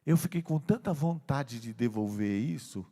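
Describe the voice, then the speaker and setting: Older male pastor, gravelly voice in a hall. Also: medium pitch, animated. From Brazil. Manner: tells a personal story with emotion, often slowing and dropping to a soft voice. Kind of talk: sermon storytelling. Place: church sanctuary. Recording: long church hall reverb.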